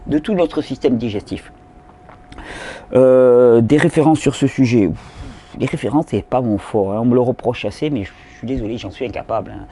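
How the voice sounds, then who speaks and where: A man's voice: mid-range voice, warm tone, slight background noise. A man hosting a casual question-and-answer session, talking loosely with many fillers and repeated words. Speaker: host answering viewer questions. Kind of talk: casual spoken Q&A.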